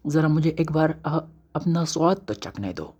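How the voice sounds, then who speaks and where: A man's voice: a little high, big pitch swings, normal speed, a little mellow, husky. A man voicing a lecherous male zombie in a story recap, coaxing in a creepy way.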